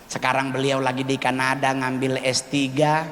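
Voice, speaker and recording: A male stand-up comedian performing an animated set for a live audience, often calling out to them as sir. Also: mid-range voice, moderate pace, long reverb tail. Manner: animated, exclaiming and addressing the audience as "Pak". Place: event stage before a live audience.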